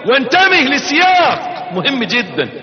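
An Egyptian man preaching a religious lesson in a high voice. He rises into loud exhortation, then drops into quiet quotation and chanted verses. The sound is a dull lo-fi tape with a long, roomy hall echo. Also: wildly swooping pitch, moderate pace, a crowd in the background. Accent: Egyptian Arabic.

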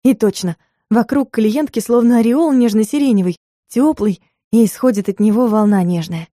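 A woman narrating a first-person audiobook in a lively storytelling manner. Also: a little high, normal speed, no echo, studio quality.

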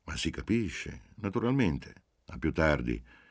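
A man's voice: extremely low pitch, sing-song, unhurried, no room sound, clean studio sound, exaggerated voice. A man voicing a cautious older professor who speaks with doubt and hesitation, in an audiobook reading. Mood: doubtful. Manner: hesitant then yielding.

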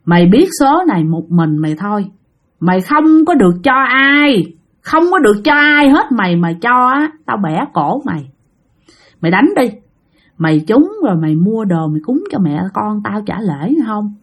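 A woman voicing a menacing female ghost risen from a grave, speaking in a deep, growling, commanding voice. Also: very animated, moderate pace. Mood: threatening. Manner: threatening, commanding.

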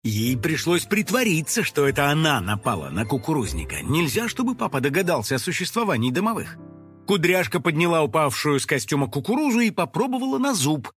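A man narrating a children's audio story in an animated, scripted style. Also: fairly high pitch, a little fast, slightly rough, no echo, soft background music.

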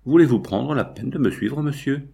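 A man's voice: medium pitch, normal speed, creaky, mellow, voice pushed up, close to an everyday voice. A man voicing a fat, heavily made-up older landlady who chatters fussily and dotes on her pet. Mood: gushing. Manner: chatty, fussy, doting. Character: fat, painted older woman landlady, gushing.

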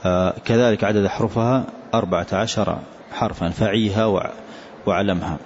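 A sheikh explains a classroom text, first patiently repeating what a student has recited. His fairly low voice is steady, a bit mellow and fairly quick, captured in dull lo-fi audio with a faint hiss.

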